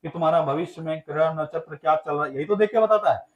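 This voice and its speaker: A man's voice: on the high side, fast, phone-quality sound. A man from Bihar, teaching an exam-prep class and drilling students with repeated questions and answers. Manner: chants answers in a loud, laughing sing-song.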